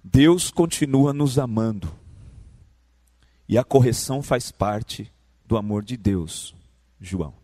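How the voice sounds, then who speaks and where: A pastor with a Brazilian Portuguese accent preaches a sermon in a church, shifting from quiet, low storytelling to loud, high-pitched shouting. He speaks slowly with long pauses, and there is no room sound.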